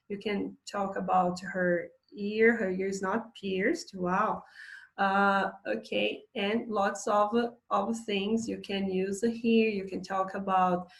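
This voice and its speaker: A woman teaching an English lesson in a casual, hesitant way, filling pauses and laughing now and then while she describes pictures. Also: mid-range voice, vocal fry, fairly bright tone. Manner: slow, hesitant, many fillers, laughs often.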